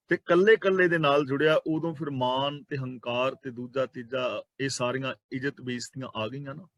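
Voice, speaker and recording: A man's voice: fairly high pitch, no echo. A man with a Punjabi accent giving a scripture sermon, explaining patiently through repetition and rhetorical questions. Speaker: Sikh preacher explaining scripture.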